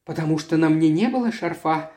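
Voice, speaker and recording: A man voicing a gentle young woman who earnestly defends herself against an accusation. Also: fairly high pitch, expressive, brisk, lightly acted. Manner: earnest, pleading.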